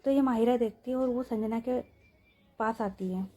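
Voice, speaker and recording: A young woman tells a story in a relaxed, chatty manner, often checking in with her listeners. Her voice sits fairly high but sounds very mellow and husky. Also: moderate pace. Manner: chatty, talks to listeners with asides. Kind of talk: casual story narration.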